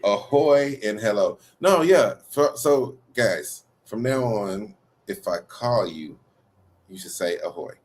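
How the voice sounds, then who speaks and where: A man co-hosting a podcast in casual chat, animated and joking in a loose way. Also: on the low side, slow pace, a little hiss or hum. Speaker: podcast co-host.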